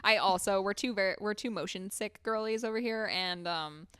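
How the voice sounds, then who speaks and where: A giggly young woman co-hosting a relaxed podcast, lively and self-mocking. Her voice sits at a middle pitch. The sound is dry and close to the mic. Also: normal speed, smooth, no echo. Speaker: podcast co-host. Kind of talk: casual chat.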